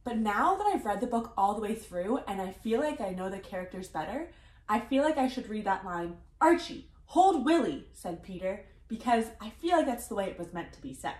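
A woman teaching first graders in a recorded reading lesson, speaking clearly and encouragingly. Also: medium pitch, animated, a little fast, a little mellow, roomy sound.

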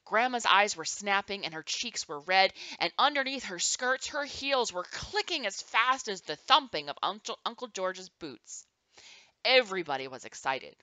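A woman reading a children's chapter book aloud to her nieces and nephews, expressive and animated. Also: mid-range voice, no room sound. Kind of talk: storybook read-aloud.

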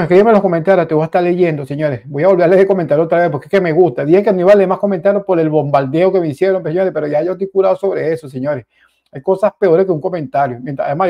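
A man's voice: on the high side, lo-fi sound. A man giving casual, emphatic news commentary, often repeating himself and speaking directly to his viewers. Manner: emphatic, repetitive, keeps addressing viewers as "señores".

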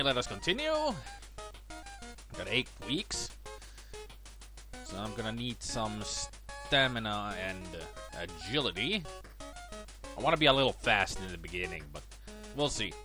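A let's play gamer with a cold chats about his boxing gameplay, his slightly worn voice swinging lively in pitch. He's casual and self-deprecating throughout.

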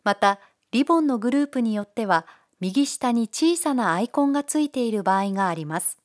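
Higher-voiced woman reading a software tutorial script, calm and polite, clean voice-over. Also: fairly quick. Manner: calm, polite step-by-step instruction. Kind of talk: scripted screencast narration.

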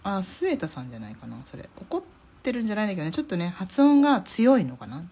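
A woman's voice: medium pitch, wildly swooping pitch, rapid-fire, mellow, slightly rough. A middle-aged woman from Japan, a drawing teacher hosting a live stream, chatting casually while she draws, laughing often and reading out viewer comments. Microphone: phone or camera mic on a live stream.

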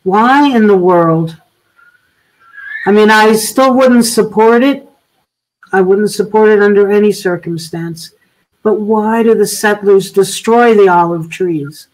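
Over a rough-sounding video call, an older woman hosts a casual political talk in a medium-pitched voice. She speaks thoughtfully but haltingly, frequently starting her sentences over.

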